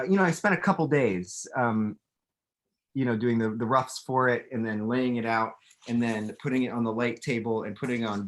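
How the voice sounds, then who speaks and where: This middle-aged man has a mid-range, fairly bright voice. He chats casually as an author answering questions, explaining things to students while thinking aloud and often restarting his sentences.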